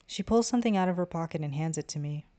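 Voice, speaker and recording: A woman streamer reads a visual novel aloud, voicing both the narration and the player's lines. Her voice sits a little low for a woman, and she stumbles on a word now and then. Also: fast talker, mellow.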